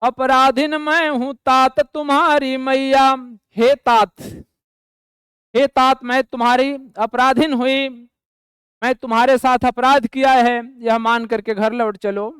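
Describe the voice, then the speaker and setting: A man teaching a Hindi poem, reciting its verses slowly in a chanting tone and then explaining them in plain words. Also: very high voice, flat delivery, a bit bright, smooth, no echo, studio quality.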